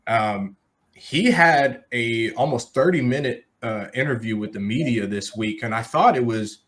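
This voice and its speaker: A man's voice: medium pitch, measured pace, fairly bright tone. A man hosting a sports talk show in a casual, conversational style, speaking directly to listeners as he gives his commentary. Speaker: sports podcast host.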